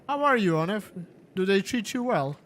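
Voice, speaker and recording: A man's voice: high voice, lively intonation, moderate pace, fairly bright tone. A man voicing a sly, mocking male warlord in a story-driven game, speaking in a theatrical manner.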